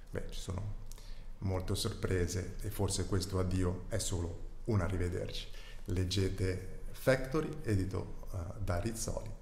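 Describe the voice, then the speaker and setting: A man's voice: low-pitched, creaky, darkish tone, slight background noise. A male author presenting his novel and reading aloud, talking hesitantly with many filler sounds. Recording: roomy echo.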